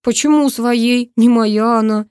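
A woman's voice: a little high, unhurried, darkish tone, clear, resonant tone, no echo, clean studio sound, lightly acted. A woman voicing a cocky, teasing young man. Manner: teasing, smug.

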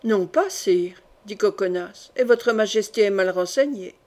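A woman's voice: medium pitch, measured pace, mellow, lightly acted. A bold young swordsman at court, gallant and playfully insolent before his king, as a woman reader puts him on. He talks with a grin in his words and bows with mock humility. The storybook voice stays near the reader's own. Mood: cheeky. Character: bold, cheeky young male soldier courtier.

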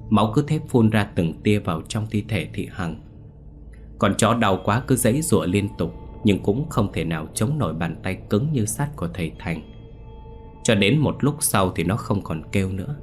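A male storyteller reading a ghost story in a steady, measured way. His voice sits very low and deep, and the telling is scripted.

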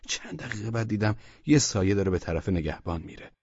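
A man's voice: fairly low pitch, animated, a little mellow, breathy edge, no room sound. Man telling a story in a dry dull recording. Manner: colloquial, conversational storytelling. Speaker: audiobook narrator. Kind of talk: first-person storytelling audiobook.

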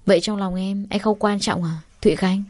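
Tender young boyfriend coaxing softly, woman narrator doing him, mellow warm tone. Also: medium pitch, steady tone, a little fast, natural voice. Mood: hurt. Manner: coaxing, soothing like talking to a child. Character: doting young man, tender lover.

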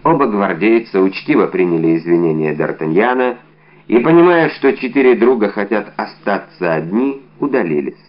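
A male audiobook reader narrating in a steady, dramatic manner. His voice sits low. The recording is dull and lo-fi. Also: moderate pace. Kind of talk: scripted narration.

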